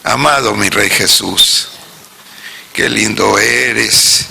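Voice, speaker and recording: A man with a northern Mexican accent leading a closing prayer and benediction in church, measured and prayerful. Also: fairly low pitch, gravelly, bright, forceful tone, slight background noise. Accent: northern Mexican Spanish. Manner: slow, measured praying. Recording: church service with music behind.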